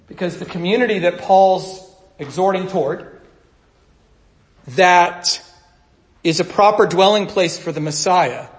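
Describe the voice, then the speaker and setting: A man preaching a sermon, teaching in a conversational way and swinging between loud urging and soft asides. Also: fairly high pitch, echoey room. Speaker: pastor.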